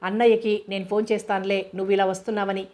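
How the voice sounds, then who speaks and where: A woman's voice: mid-range voice, level tone, quick pace, a little mellow, natural voice. A woman voicing an irritated sister-in-law snapping orders on the phone, read in an audiobook. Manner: irritated, curt. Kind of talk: audiobook character reading.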